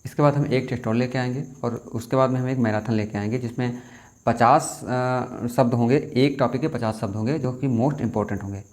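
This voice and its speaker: A young man leads a casual exam-prep lesson in Hindi spelling, speaking with an average pitch. He talks conversationally, repeating each key word and reminding the listener to keep it in mind. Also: normal speed, darkish tone.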